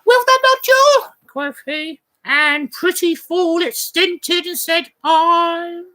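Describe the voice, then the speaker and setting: Lady putting on a giggly old nurse who rambles on and on, real high voice, takes her time. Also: takes it slowly, sharp tone, heavily acted. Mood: rambling fond. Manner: rambling, giggling, wandering memories. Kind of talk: theatrical play reading.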